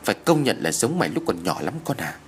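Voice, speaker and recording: A man's voice: on the low side, sing-song, quick pace, soft background music. A man voicing a distraught older village mother who wails and scolds. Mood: teasing. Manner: wailing and scolding.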